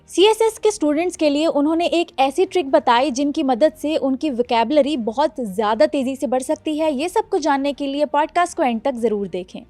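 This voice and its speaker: A woman's voice: high voice, no room sound. A woman hosting an interview podcast, asking questions and backing the guest with short, encouraging affirmations. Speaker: podcast host. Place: studio.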